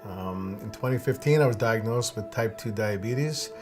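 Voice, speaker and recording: A man's voice: fairly low pitch, moderate pace, over music. A man giving a plain, matter-of-fact interview testimonial.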